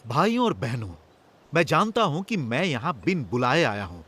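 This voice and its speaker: A fiery revolutionary leader in a film dub. His voice sits high and swings widely as he declaims. The tone is bright and ringing, and the delivery stays impassioned throughout. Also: big pitch swings, normal speed, breathy edge, full character voice. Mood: earnest. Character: fiery male revolutionary leader addressing bankers.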